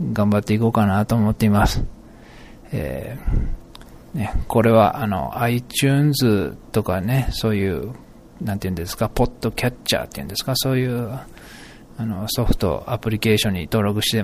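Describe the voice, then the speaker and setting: A man's voice: fairly low pitch, a little hiss or hum. A middle-aged man musing aloud in a solo podcast monologue, rambling with many fillers and self-corrections.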